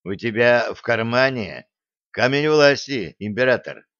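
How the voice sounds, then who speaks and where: A man doing a gruff, phlegmatic old admiral. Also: mid-range voice, measured pace, dry recording. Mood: dry. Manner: calm, gruff, dry. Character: phlegmatic tough older male admiral. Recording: dull lo-fi dry recording.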